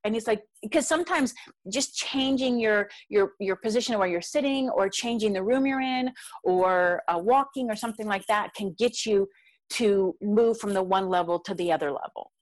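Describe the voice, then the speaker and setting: A woman's voice: medium pitch, normal speed. A middle-aged woman explaining ideas on communication in marriage in a conversational way, acting out little quotes from her husband. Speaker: guest expert on marriage communication.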